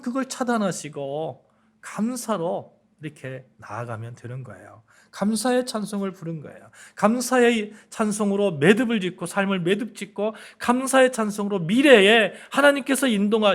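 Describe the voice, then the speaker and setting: A man's voice: high voice, animated, normal speed. A man preaching a sermon as pastor, asking the congregation questions and building to emphatic outbursts.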